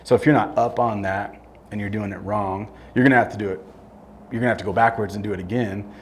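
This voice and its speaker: A middle-aged man speaks in a fairly low voice, plain and blunt, as a guest in an on-stage interview. He often breaks off and restarts his sentences. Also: steady tone, fast, slight background noise. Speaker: construction company owner, guest. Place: event room with audience.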